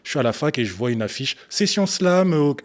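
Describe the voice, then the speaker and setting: A young man tells his life story to an interviewer in an easy, conversational way. He acts out old scenes and swings his voice high and low as the story moves, with laughter breaking in now and then. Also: expressive, fairly quick. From Africa, grew up partly in Ethiopia. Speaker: guest, battle rapper and slam poet.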